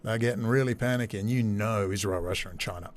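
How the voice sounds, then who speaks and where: Male host, ranting commentary over clips, sarcastic and animated, repeats himself. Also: lowish voice, fast talker.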